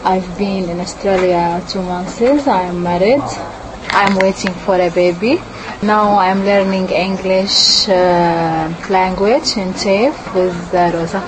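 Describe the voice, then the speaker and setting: A woman from Lebanon, an adult student introducing herself slowly and carefully. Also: mid-range voice, fairly even intonation, noisy background. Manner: slow, careful, simple sentences.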